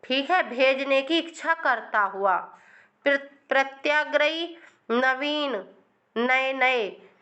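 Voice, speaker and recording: A woman's voice: sits high, fairly bright tone, lo-fi sound. A woman teaching an online exam-prep Sanskrit lesson, explaining a text word by word and checking that her students follow.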